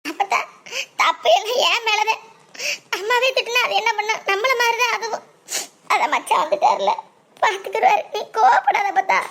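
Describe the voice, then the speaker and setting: A woman's voice: extremely high pitch, brisk, fairly bright tone. A woman voicing a tearful, exasperated young village wife in a cartoon, with a southern Tamil village accent. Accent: southern Tamil Nadu village Tamil. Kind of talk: cartoon voice acting.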